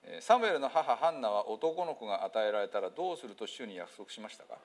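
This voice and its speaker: A man from Hiroshima with a Hiroshima accent, a pastor giving a chatty sermon full of fillers. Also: fast. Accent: Hiroshima Japanese. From Hiroshima, Japan. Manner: chatty, many fillers, lively pitch swings. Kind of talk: casual sermon talk with quiz review.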